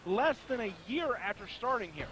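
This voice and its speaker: A man with a high voice provides live color commentary on wrestling. He sounds conversational and emphatic. He tends to repeat his phrasing as he makes a point. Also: very animated, normal speed, background noise.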